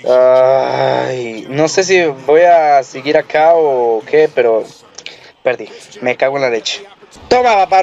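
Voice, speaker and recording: A young male gameplay commentator, his voice a little high, yells at the game in excitable, foul-mouthed casual commentary. The recording is lo-fi and muffled.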